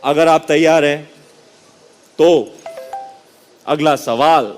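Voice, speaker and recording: A man hosting a television quiz show, lively and playful, switching between Hindi and English. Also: a little high, extremely slow, soft background music. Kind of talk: energetic game show hosting.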